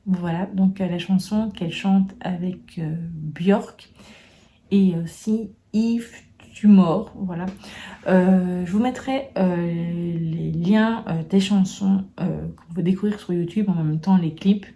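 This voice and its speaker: A woman's voice: on the low side, takes it slowly, warm tone. A woman chatting casually in a monthly vlog wrap-up, hesitant and full of fillers and restarts. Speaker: booktube vlogger.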